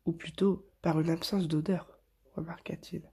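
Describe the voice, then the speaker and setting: A woman reading a picture book aloud to children in a soft, hushed storytelling voice. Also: low voice, steady tone, measured pace, gravelly, husky.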